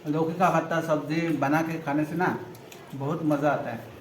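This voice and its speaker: Male mukbang eating host, casual, slightly high voice, talks between bites, some background noise. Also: fairly even intonation, normal speed, echoey room, poor audio. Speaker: vlog host.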